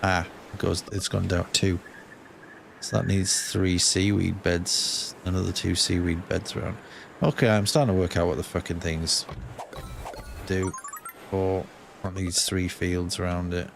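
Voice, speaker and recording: A Scottish man gives casual commentary on a game he is playing. His voice is on the low side and gravelly, and he talks slowly, swearing and reasoning out loud as he goes. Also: fairly even intonation, faint music behind. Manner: sweary, thinking aloud. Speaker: game streamer.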